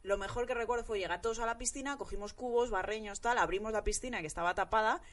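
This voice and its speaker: A woman in her thirties with a Spanish accent from Spain, telling an animated story in casual chat and acting out the quoted voices. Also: mid-range voice, fast.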